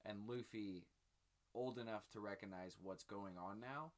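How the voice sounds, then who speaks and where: A man's voice: fairly low pitch, measured pace. A man hosting his own channel, talking through his theories in a rambling, filler-heavy, casual sit-down chat. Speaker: channel host.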